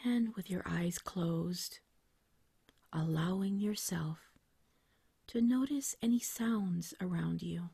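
A woman guiding a meditation like a sleep story narrator, in a soft, whispery, breathy voice with a gentle, soothing, unhurried manner. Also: on the low side, dry recording. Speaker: meditation guide.

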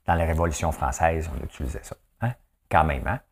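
A man's voice: rumbling low, a little fast, gravelly, a little hiss or hum. A male host with a Quebec French accent, running a chatty trivia monologue that keeps tossing in "hein?" and slipping into English phrases.

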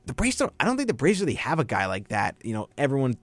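A man's voice: mid-range voice, fast talker, no echo. Laid-back young man, college radio sports host. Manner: relaxed, laid-back, says "man" and "dude" often. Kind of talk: casual sports talk.

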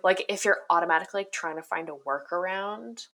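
A young woman co-hosting a podcast, chatting casually with a wry, animated manner and many fillers. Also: on the low side, brisk. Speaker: podcast co-host. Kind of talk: casual chat.

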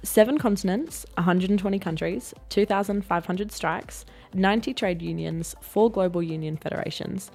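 Chatty and full of "like," this young female podcast co-host covers casual chat and street reporting at a moderate pace, hardly pausing. Her medium-pitched voice has vocal fry and a slightly mellow quality, over soft background music.

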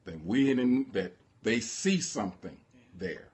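A man's voice: lowish voice, lively intonation, a little slow, a little mellow. A man preaching a sermon as pastor, impassioned and drawing call-and-response from the congregation.

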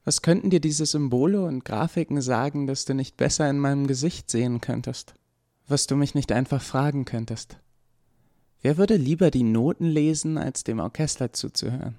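A man's voice: mid-range voice, moderate pace, mellow, voice pushed up, close to an everyday voice. A man voicing a curious, blunt young woman in hospital who asks direct, puzzled questions.

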